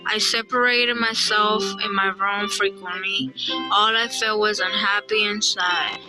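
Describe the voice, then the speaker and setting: A young woman from El Salvador narrates her life story in a quiet, earnest voice, her tone sitting at an ordinary middle pitch. Clear guitar music plays behind her throughout, as in a played-back video. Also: fairly even intonation, a little slow, rough recording. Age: young adult.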